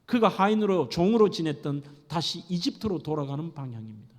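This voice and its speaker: A man's voice: fairly high pitch, sing-song, a little fast, darkish tone. A middle-aged male pastor preaching a sermon with dramatic storytelling, acting out scenes. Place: church sanctuary. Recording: echoey church hall.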